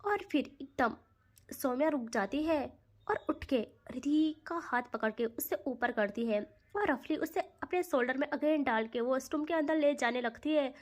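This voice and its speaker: At a measured pace, a high-voiced woman reads a romantic love story aloud, narrating softly with emotion and a dramatic flair.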